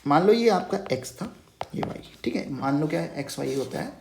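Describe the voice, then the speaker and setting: A man's voice: fairly high pitch, animated, a little fast, creaky, background noise. A man teaching a math lesson, patiently repeating key terms as questions and checking in with "okay" after nearly every phrase. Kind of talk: Hindi math lesson over a whiteboard. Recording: roomy echo.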